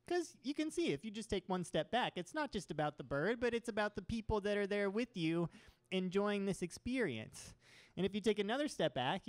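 A man's voice: sits high, no room sound. A young man from Oregon giving an enthusiastic talk with slides to a seated audience in a small crowded room, speaking into a handheld microphone. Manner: enthusiastic, gestures with his free hand while talking. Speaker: guest speaker.

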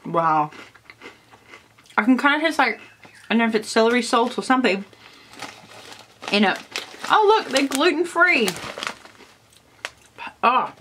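An Australian woman talks excitedly to her camera on a tripod, reacting to snacks she is tasting. Her voice sits a little high, and a faint hiss runs under the recording. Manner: chatty, enthusiastic, lots of "like" fillers. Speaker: food vlogger. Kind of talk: casual taste-test vlog.

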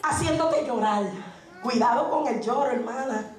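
A woman's voice: a little high, measured pace. A woman evangelist preaching a sermon, fiery and humorous, calling out to the congregation. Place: church sanctuary. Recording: very echoey church with congregation. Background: congregation answering amen.

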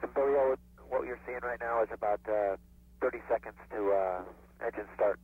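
Man on a tinny space radio link. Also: mid-range voice. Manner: clipped radio procedure with hesitant pauses. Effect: narrow crackly space radio link. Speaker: astronaut calling ground control. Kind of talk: space-to-ground radio exchange. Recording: tinny husky radio transmission.

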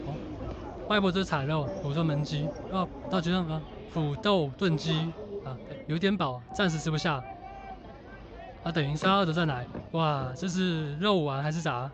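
A man filming a walk through a city square by a bus station, casually commenting and counting the food stalls out loud as he goes. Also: on the high side, moderate pace, dull audio, a crowd in the background. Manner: offhand, counting stalls aloud as he walks. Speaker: vlogger filming a street walk. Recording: loud street noise behind.

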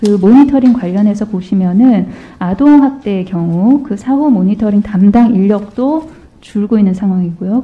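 A woman's voice: mid-range voice, muffled recording. A woman lawmaker questioning a minister at a hearing in a firm, pointed way. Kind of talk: parliamentary questioning.

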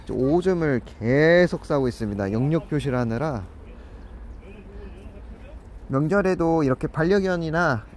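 A man's voice: medium pitch, slight background noise. Chatty man narrating a pet vlog. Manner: friendly, chatty address to viewers. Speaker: pet vlogger.

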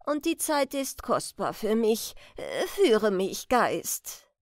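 A fearful old miser begs a silent ghost for guidance, as an audiobook reader puts him on. The voice sits high and leaps about in pitch, unhurried yet faltering with hesitant fillers. The recording is dry and close. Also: female voice, sing-song, dry recording. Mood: fearful pleading. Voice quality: pleading, halting, with hesitant fillers. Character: frightened old male miser pleading with a ghost. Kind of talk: audiobook character voice.

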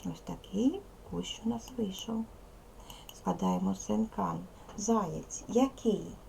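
A woman teacher leading a lesson for young children, speaking slowly and repeating key words. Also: mid-range voice, creaky, mellow, slight background noise. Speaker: primary school teacher. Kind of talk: teaching a second-grade language lesson.

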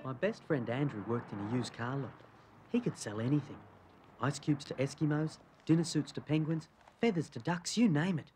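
A man's voice: a little high, lively intonation, normal speed, a little mellow, faint music behind, lightly acted. An actor playing a naive, trusting young man who asks nervous, hesitant questions, with an Australian accent.

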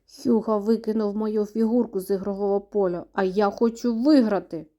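A woman's voice: a little high, sing-song, normal speed, dark tone. A woman voicing a stubborn little boy mouse who always wants to win, complaining and sulky, in a storybook for small children.

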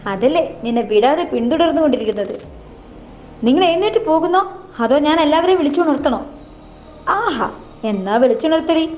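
A woman reading a novel aloud in the first person, voicing every part herself in a plain, unhurried way. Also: high-pitched, a little mellow, slight background noise. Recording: dull lo-fi voice with faint music.

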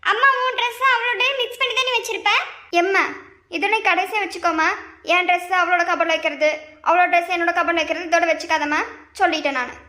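Tiny high whiny cartoon daughter griping at her mom, echoey. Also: quick pace, sharp tone. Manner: whiny, complaining to mother. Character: sulky teenage daughter, whiny. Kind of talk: cartoon family drama.

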